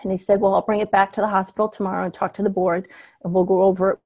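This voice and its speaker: A woman's voice: mid-range voice, little pitch movement, very fast, darkish tone. A middle-aged woman, a guest on a video call, tells a personal story in an earnest, hesitant way, full of restarts and fillers. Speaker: interview guest.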